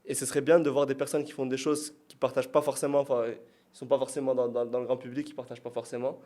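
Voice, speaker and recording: Male speaker, mid pitch, self-conscious and rambling, casual podcast chat. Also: level tone, fast talker, dark tone. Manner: hesitant, rambling, self-conscious, laughs at himself. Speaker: podcast guest and business partner.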